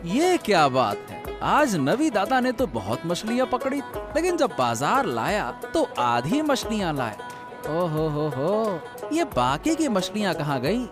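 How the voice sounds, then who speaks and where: A man voicing a high-pitched cartoon fishmonger. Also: huge pitch swings, measured pace, music in the background, heavily acted. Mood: chatty. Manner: loud street hawking. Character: cheerful honest village fishmonger. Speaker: fish seller. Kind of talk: animated cartoon dialogue.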